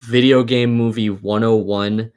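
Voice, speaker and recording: On this casual podcast, a co-host with a lowish, slightly mellow and clean-toned voice speaks at a measured, steady pace. His opinionated rant about games and films is profane, exasperated and forceful.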